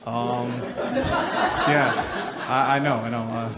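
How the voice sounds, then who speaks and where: A man's voice: medium pitch, big pitch swings, very slow. A young man from Croatia gives a casual startup talk on stage, making self-deprecating jokes and stalling on filler words. His voice rings through a reverberant hall. An audience can be heard around him. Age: 20s. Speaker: startup founder giving a talk. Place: conference stage. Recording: roomy hall with crowd.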